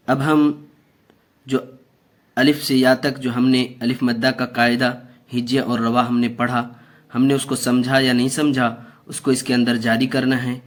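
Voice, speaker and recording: A man teaching Quran reading, drawing out each syllable slowly and then explaining the rules quickly. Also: medium pitch. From South Asia. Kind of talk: spelling-out recitation lesson.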